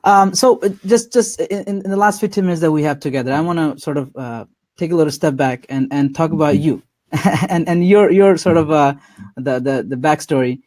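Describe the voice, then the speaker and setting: A male interview host with a somewhat raised voice, recorded close and dry with no room sound. He talks haltingly, doubling words and restarting as he feels his way toward each question. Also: on the high side, a little mellow, no echo. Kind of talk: interview conversation.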